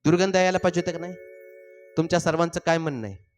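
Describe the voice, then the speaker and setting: A Marathi-accented man preaching a devotional story, his voice sitting on the higher side. He swings into the characters' shouts and lines with theatrical force, and faint music plays behind him. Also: very fast. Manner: dramatic, acts out characters' cries and dialogue. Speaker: kirtan preacher telling Bhagavata story.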